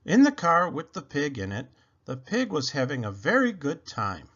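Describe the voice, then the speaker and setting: Reading a children's storybook aloud, a man narrates expressively in a fairly high voice at a normal speed. The recording sounds muffled.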